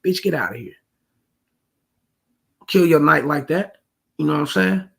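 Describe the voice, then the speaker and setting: In a reaction video about a street clip, a man offers blunt, profane dating tips to the fellas. His slightly high voice is expressive and creaky with a breathy edge, and he talks at a measured pace.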